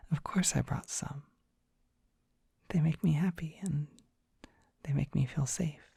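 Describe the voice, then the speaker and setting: Here a performer takes on a gentle, shy young dragon boy for an ASMR comfort roleplay. The whisper is soft, breathy and medium-pitched, slow and hesitant, tender and soothing in manner. It's an exaggerated voice captured in a dry recording.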